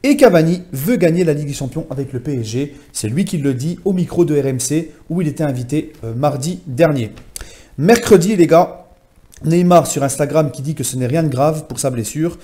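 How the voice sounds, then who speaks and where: A man's voice: a little high, expressive, brisk, mellow. Chatty football vlogger, man. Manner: chatty, addresses viewers as friends, many fillers. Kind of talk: casual weekly news recap. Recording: home vlog.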